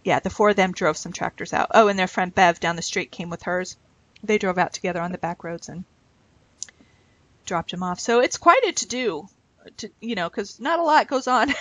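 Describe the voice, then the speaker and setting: A woman's voice: medium pitch, fairly bright tone, dry recording. A woman crafting a scrapbook at home, chatting and rambling as she works and laughing easily. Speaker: craft vlogger. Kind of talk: casual chat while scrapbooking.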